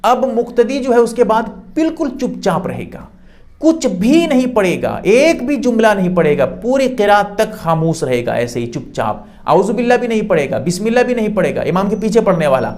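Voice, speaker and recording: A man's voice: high voice, very animated, darkish tone. A male Islamic scholar explaining prayer steps patiently, step by step, often asking and answering his own questions. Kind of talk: religious instruction.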